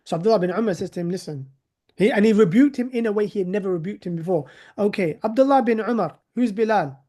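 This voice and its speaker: A man's voice: high-pitched, quick pace, mellow. Chatty man lecturing a class. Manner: conversational, with sarcastic rhetorical asides. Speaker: teacher of hadith.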